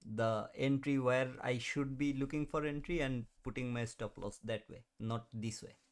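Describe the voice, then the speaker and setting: A man in his thirties hosting a live trading stream, chatting casually, answering viewers and laughing often. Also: medium pitch. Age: 30s. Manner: mutters at the chart while watching. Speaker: trading livestream host.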